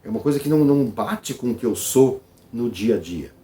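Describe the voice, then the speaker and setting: A man's voice: medium pitch, animated, brisk, mellow, soft background music. A man with a Brazilian Portuguese accent hosting his channel in a casual vlog monologue, talking conversationally, repeating phrases and checking in with his listeners. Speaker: channel host.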